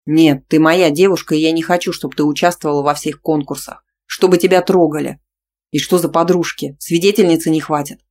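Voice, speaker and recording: A reader voicing a jealous, domineering young man who speaks loudly and sternly in a storybook reading. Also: medium pitch, fairly even intonation, fairly quick, few pauses, slight background noise, natural voice. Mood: angry, stern. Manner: loud, stern, commanding.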